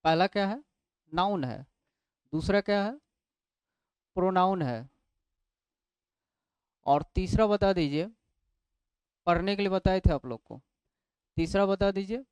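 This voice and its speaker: This English grammar lesson comes from a man with a high, slightly mellow, smooth voice who explains each step in a classroom lecture. He raises questions and supplies the answers himself. The recording has no room sound.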